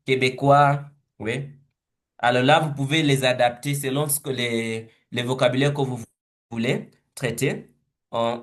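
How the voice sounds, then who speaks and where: A man leading a teaching webinar, thinking aloud slowly and hesitantly as he walks through a word game. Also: mid-range voice. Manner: slow, hesitant, thinking aloud with repeated words.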